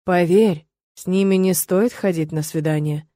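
A stern, commanding male dragon rector, read by a woman audiobook narrator. He drags his words out slowly with quiet menace, in a dry, close studio sound with no room at all. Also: lowish voice, steady tone, no echo, lightly acted. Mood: low, intimate. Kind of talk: audiobook character reading.

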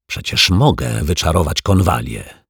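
Man doing a raspy, menacing stage magician. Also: rumbling low, expressive, a bit bright, dry recording, studio quality, heavily acted. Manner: slow, mocking, teasing menace.

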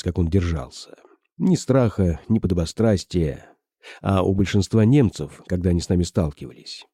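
A man narrating a first-person audiobook in a measured, storytelling delivery. His voice sits low and is very dark and mellow, but his pitch moves in lively swings. The sound is close and dry. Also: dry recording. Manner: measured, storytelling delivery that shifts into character dialogue.

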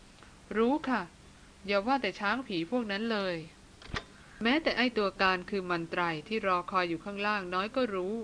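A woman voicing a headstrong young woman who answers flatly and calmly, as if nothing has happened. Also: mid-range voice, moderate pace, a little hiss or hum, lightly acted. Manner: flat, matter-of-fact replies.

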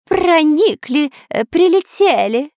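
In a dry, studio-quality storybook reading, a woman raises her voice above her natural pitch to play a cowardly, fawning male pet parrot. The exaggerated voice is high, slow and slightly mellow with lively intonation, squawking and stammering eagerly to please.

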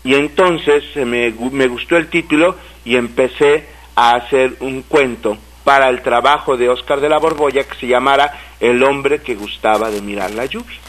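A Mexican man co-hosting a casual radio talk show, an animated storyteller who restarts and repeats words as he goes. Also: mid-range voice, moderate pace, hardly any pauses, low-quality recording. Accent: Mexican Spanish. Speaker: radio co-host and writer. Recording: radio broadcast.

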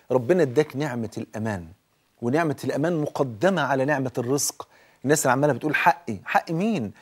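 Fast-talking Egyptian preacher. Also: male voice, a little high, darkish tone. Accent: Egyptian Arabic. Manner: exhorting, addresses listener directly, quotes scripture slowly. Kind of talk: colloquial religious talk.

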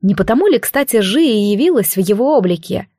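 A woman narrating a fantasy audiobook in a measured storytelling voice. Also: medium pitch, expressive, mellow, no room sound, studio quality.

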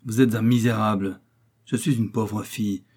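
Brief: poor young seamstress, frightened but brave, husky timbre, voiced by a man reading a novel. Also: lowish voice, steady tone, moderate pace, a little mellow. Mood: pleading. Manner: pleading, then crying out shrilly. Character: young working woman, poor and defiant.

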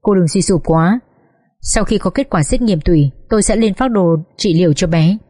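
A woman voicing a calm young male doctor who gently reassures a patient's mother in an audiobook. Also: lowish voice, normal speed, no echo, clean studio sound, lightly acted. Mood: reassuring.

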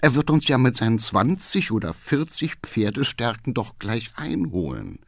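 A cranky old gentleman councillor from a spoken-word novel reading, put on by the male narrator. His voice climbs high and swings widely as he scolds and shouts. The sound is close and dry. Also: big pitch swings, moderate pace, vocal fry, dry recording. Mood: genial. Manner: high, shrill, scolding outbursts. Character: irritable old privy councillor, gentleman passenger.

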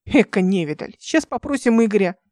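A woman's voice: medium pitch, expressive, a little fast, a little mellow, no echo, studio quality, close to an everyday voice. Woman doing a wry, teasing man. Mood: ironic.

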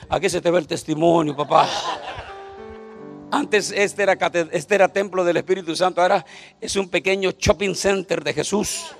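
A man in his 50s preaches a joking sermon to a church congregation, repeatedly calling out "right?" to get them to agree. His voice is high-pitched with vocal fry.

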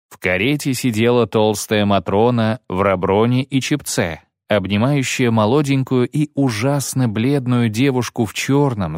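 A man reading an audiobook with expressive narration. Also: mid-range voice, no echo, studio quality. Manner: expressive storytelling. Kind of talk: scripted narration.

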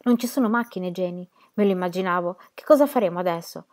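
A woman's voice: on the low side, quick pace, darkish tone, close to an everyday voice. Woman reading as a young guy fleeing a flood, urgent, calling out. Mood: worried.

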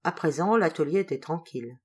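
A woman reading a novel aloud as an audiobook, calm and measured with light expression. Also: deep voice, husky. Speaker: audiobook reader. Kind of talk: literary audiobook narration.

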